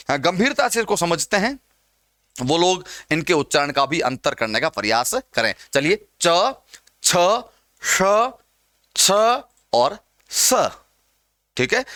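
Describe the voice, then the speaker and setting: Lively high-voiced man teaching pronunciation. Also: dry recording, studio quality. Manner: drills sounds by repeating example words, asks learners questions. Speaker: Hindi teacher. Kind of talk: spoken grammar lesson.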